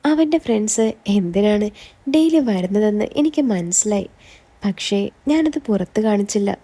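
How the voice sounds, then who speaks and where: A woman narrating a real-life style story in a calm, unhurried manner. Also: mid-range voice.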